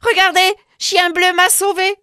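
A woman doing a shrill excited little girl. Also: fairly quick, no echo, clean studio sound. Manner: bright, shouting and joyful. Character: cheerful bossy little girl.

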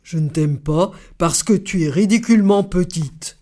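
A woman's voice: lowish voice, measured pace, dark tone, lightly acted. A woman voicing a big proud elephant in a storybook reading, haughty in tone.

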